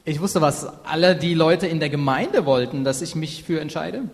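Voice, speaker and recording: Male live interpreter, slightly high voice, halting with fillers, echoing hall. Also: animated. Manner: halting, many fillers and self-corrections. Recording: reverberant hall.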